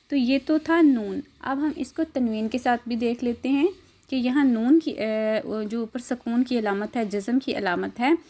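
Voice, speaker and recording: A woman's voice: a little high, dark tone. A woman teaching a Quran recitation lesson step by step, spelling out syllables, drawing out the recited words and asking listeners to repeat after her.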